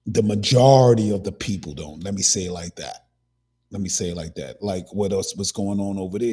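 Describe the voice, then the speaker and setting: A man's voice: on the low side, mellow, husky. A man hosting a casual commentary talk, rambling with many restarts and fillers. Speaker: podcast host.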